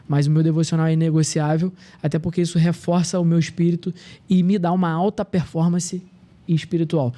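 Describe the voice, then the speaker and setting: A man's voice: fairly high pitch, warm tone. A man in his thirties, a podcast guest, telling earnest personal stories in casual conversation. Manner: earnest, storytelling, reflective.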